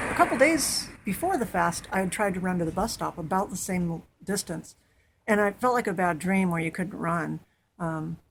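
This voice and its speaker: A woman's voice: mid-range voice, a little hiss or hum. A young woman chatting casually in a home vlog, upbeat and rambling. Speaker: vlogger. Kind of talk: casual chat.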